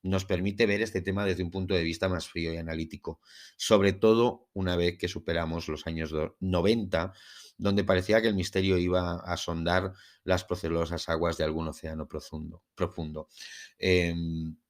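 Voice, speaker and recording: Very deep-voiced man with a Spain Spanish accent. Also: fairly even intonation, moderate pace. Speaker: podcast host. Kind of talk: podcast monologue on a UFO case, part scripted narration.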